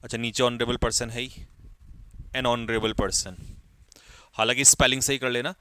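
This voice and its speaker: A man's voice: mid-range voice, level tone, normal speed, bright, forceful tone, slight background noise. A man teaching an English grammar lesson to exam students, calling out examples and quizzing the class.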